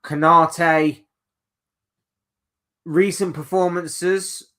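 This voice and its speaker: A man's voice: on the high side, fairly even intonation, drawn-out words, a bit bright. A man hosting a casual solo football chat, rambling and opinionated, reeling off players one by one. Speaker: football channel host.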